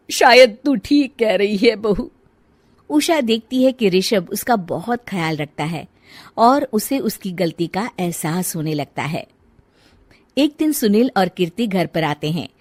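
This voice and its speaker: A woman's voice: mid-range voice, animated, unhurried, darkish tone, dry recording. A woman narrating a scripted family story as a storyteller.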